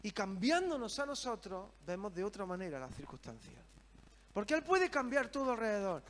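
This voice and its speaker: Earnest high-voiced preacher man. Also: very animated, normal speed, fairly bright tone. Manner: earnest, asks listeners rhetorical questions. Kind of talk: sermon.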